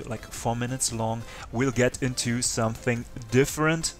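A man narrating his online survival game clips for his channel in a chatty way, talking to viewers. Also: mid-range voice. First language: German. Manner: chatty, talks straight to viewers. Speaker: gaming YouTuber narrating. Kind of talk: casual gameplay narration.

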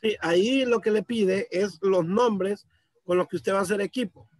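A man's voice: high voice, moderate pace, a little mellow, no echo. A man teaching a course over a video call, explaining patiently step by step. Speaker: course instructor.

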